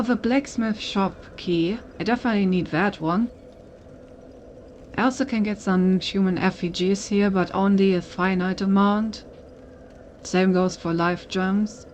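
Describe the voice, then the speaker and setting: A woman's voice: mid-range voice, darkish tone, slight background noise. A woman game streamer giving casual gameplay commentary, thinking aloud as she goes. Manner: thinks aloud, reads on-screen text.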